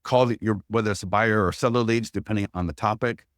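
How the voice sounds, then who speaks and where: A man with a fairly low voice teaching an online webinar, upbeat and practical as he lays out each step like a checklist. The sound is dry and close, with no room around it. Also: steady tone, fast talker, dry recording. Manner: upbeat, repeats steps as a checklist. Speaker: webinar presenter. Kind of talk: instructional webinar.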